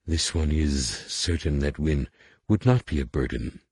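A man voicing a calm, solemn reptilian alien warrior woman with a rough voice, who speaks formally and calls herself "this one". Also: a bass voice, a little slow, dry recording, clean studio sound, full character voice. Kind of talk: audiobook character voice.

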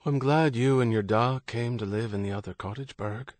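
A man voicing a wistful, anxious young boy who talks softly. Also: medium pitch, normal speed, no echo, clean studio sound, lightly acted. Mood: hushed.

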